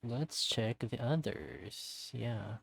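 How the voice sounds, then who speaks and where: In this poor-quality clip, a man hosts a casual visual novel read-through, reading profile cards aloud and commenting in a relaxed, chatty manner. His voice is mid-range, slightly bright and a little rough, with drawn-out words and vocal fry.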